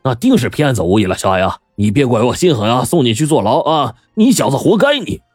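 A man voicing a furious, greedy middle-aged uncle who shouts threats in a husky voice. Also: medium pitch, big pitch swings, dry recording, clean studio sound, faint music behind, pitched above the performer's own voice. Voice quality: shouting, threatening, fast-tempered.

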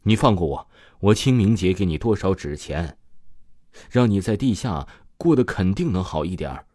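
A man's voice: low-pitched, big pitch swings, moderate pace, dark tone, breathy edge, dry recording, clean studio sound, heavily acted. A man voicing a terrified young man who pleads desperately for his life. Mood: pleading.

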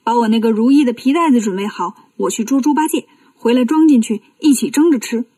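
A woman's voice: a little high, fairly quick, dark tone, no room sound, far from the mic, lightly acted. A woman reading as a cocky fire-breathing demon boy. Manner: mocking, boastful. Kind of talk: children's storybook reading.

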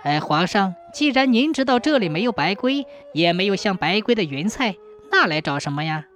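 A woman's voice: medium pitch, animated, normal speed, faint music behind, lightly acted. A woman voicing a scheming male courtier who speaks in a sly, mocking way.

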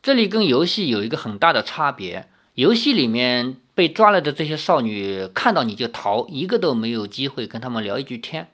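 A storyteller reading a novel aloud, animated and acting out each character. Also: mid-range voice, a little fast, hardly any pauses.

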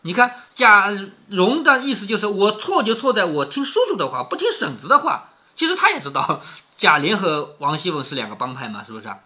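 A man's voice: high voice, very animated, brisk, sharp tone. A man reading a classic novel aloud and commenting on it in a conversational way, often tossing in rhetorical tag questions.

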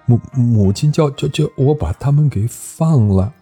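A man's voice: mid-range voice, animated, moderate pace, mellow, slightly rough, soft background music. A man voicing a timid young king who stammers nervously. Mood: sheepish.

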